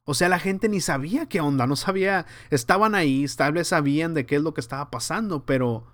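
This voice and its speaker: A man's voice: a little high, a little fast. A man teaching a verse-by-verse Bible study, earnest and conversational, warning his listeners in a preaching tone. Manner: acts out scenes in lively voices.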